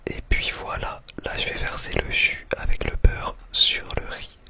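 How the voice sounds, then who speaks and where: Man whispering ASMR right in the ear. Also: moderate pace. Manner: repeats words and phrases for emphasis. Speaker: ASMR food video host.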